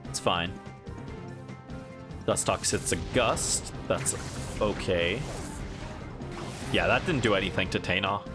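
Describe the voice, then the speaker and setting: A man's voice: sits low, slow, pauses often, over music. A man streaming a video game with casual, playful commentary. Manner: playful, voices game characters aloud.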